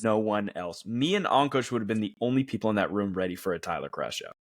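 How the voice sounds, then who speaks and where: A man's voice: lowish voice, animated, fast talker. A man hosting a casual podcast, telling funny anecdotes and laughing as he goes. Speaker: podcast host.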